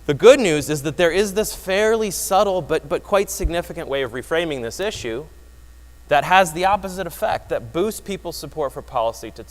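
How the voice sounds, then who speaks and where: A man giving a lively, wry conference talk that explains research results, often restarting his phrases. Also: medium pitch. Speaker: presenter. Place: conference hall. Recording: long hall reverb.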